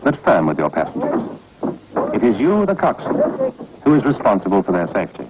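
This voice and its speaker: Speaking fairly quickly in a fairly low voice whose pitch swoops wildly, a man reads scripted training-film narration. His manner is formal, instructive and authoritative. The audio is a muffled, noisy old film soundtrack.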